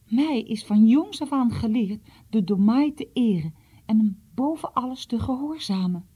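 A woman's voice: fairly high pitch, animated, normal speed, mellow, husky, pitched above the performer's own voice. A woman doing a grieving, reproachful mother. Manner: reproachful, tearful.

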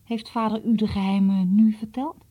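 A woman's voice: medium pitch, steady tone, normal speed, breathy edge, narrow, tinny audio, natural voice. A woman reading the part of an earnest, troubled schoolboy who pleads and stammers. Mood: pleading.

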